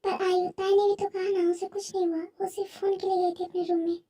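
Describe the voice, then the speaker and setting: A woman voicing a calm, protective middle-aged father who talks in a soothing, polite way. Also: very high-pitched, fast, recorded from a distance.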